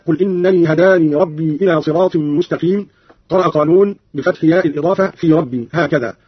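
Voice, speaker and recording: A man's voice: fairly high pitch, breathy edge, no room sound. A man giving a precise, scholarly radio explanation and quoting verses along the way. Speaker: radio presenter explaining readings. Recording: lo-fi archival radio broadcast.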